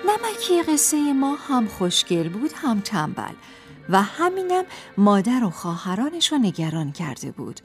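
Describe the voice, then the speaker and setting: A woman narrating a folk tale for a radio program, in a lively storyteller's manner. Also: mid-range voice, slightly rough.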